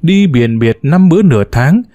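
A man's voice: on the high side, expressive, normal speed, dark tone, no room sound, natural voice. A man voicing an older widowed mother who scolds her grown sons with venom, in a storybook reading. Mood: bitter. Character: sharp-tongued older widow, furious mother.

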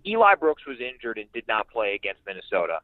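A man with a lowish, sing-song voice talks fast as a guest on a radio program, analyzing sports conversationally and emphatically with repeated phrases. The recording is dry, though muffled and band-limited, similar to a phone.

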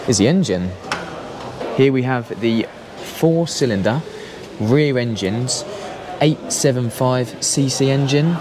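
Young guy, casual car walkaround, chatty and easygoing, action camera outdoors, faint noise. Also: medium pitch. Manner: chatty, easygoing, quick laughs. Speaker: car vlogger. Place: outdoor car auction yard in rain.

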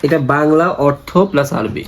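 A man's voice: on the high side, unhurried, background noise. A man in casual conversation, patiently explaining something and often checking in with "okay?". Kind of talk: casual chat.

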